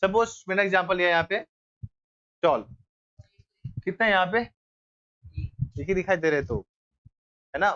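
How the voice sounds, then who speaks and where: A young man teaches a grammar class, walking his students through each step and stopping to check they follow. His voice sits a little high for a man. The recording is dull and lo-fi, as if picked up in a classroom. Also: normal speed, pauses often, bright, forceful tone, smooth. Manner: explains step by step, asks rhetorical checks.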